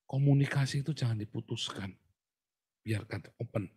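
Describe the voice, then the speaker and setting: Middle-aged man, Tegal Javanese accent, pastor preaching casually, mid-pitched, animated with hushed asides, dry close sound. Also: moderate pace, slightly rough, dry recording. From Tegal, Central Java. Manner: animated, swings between loud emphasis and hushed asides. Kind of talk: casual sermon.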